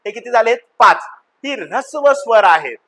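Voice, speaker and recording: Man, teacher, bright ringing voice, grammar lesson, calls out letters, quizzes and answers himself. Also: very high voice, animated, moderate pace. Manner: chanting the vowels one by one, addressing students as children; repeats questions and answers them himself. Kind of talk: classroom-style grammar lesson.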